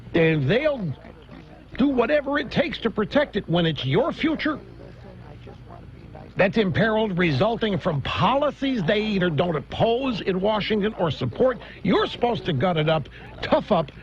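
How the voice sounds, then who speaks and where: A man hosting a political talk radio show, delivering an animated, mocking monologue. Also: sits high. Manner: animated, mocking, mimics others in exaggerated voices. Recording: dull lo-fi radio broadcast.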